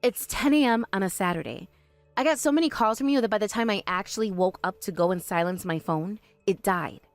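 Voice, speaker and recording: A woman voicing a calm, sharp-tongued young woman in an animated story, speaking firmly and with dry exasperation. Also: mid-range voice, brisk, no room sound, soft background music, natural voice.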